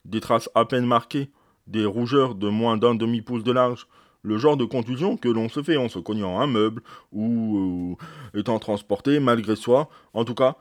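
A man reading aloud as a proud, precise senior doctor, recounting events in a measured, explanatory way. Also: medium pitch, no echo, clean studio sound, lightly acted. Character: eminent older male doctor, proud, precise.

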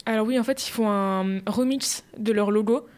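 A woman hosting a sports talk show, measured and a little hesitant as she leads the talk. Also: mid-range voice, darkish tone. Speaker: show host. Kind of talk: casual radio chat.

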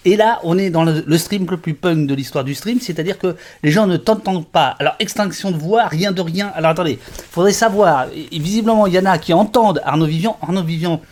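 A man hosting a casual live stream, stammering and repeating his words in quick bursts. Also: high-pitched, darkish tone. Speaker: livestream host.

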